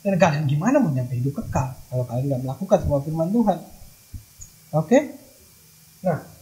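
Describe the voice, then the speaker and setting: A man's voice: a little high, expressive, normal speed, warm tone, low-quality recording. A young man from Manado preaching a casual, slangy youth sermon in an online church service, mixing in English phrases. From Manado, Indonesia.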